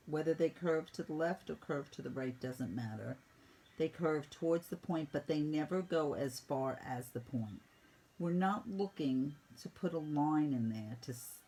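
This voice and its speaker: A woman painting instructor walking students through each brush stroke in a brisk, teasing teaching manner. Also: low voice, mellow, slightly rough, low-quality recording. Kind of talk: step-by-step painting lesson.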